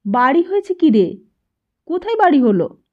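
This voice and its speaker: A woman voicing a sharp-tongued, scolding mother in a storybook reading, exclaiming and quick to anger. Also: high voice, sing-song, voice pushed up. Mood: indignant scolding. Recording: dull lo-fi recording.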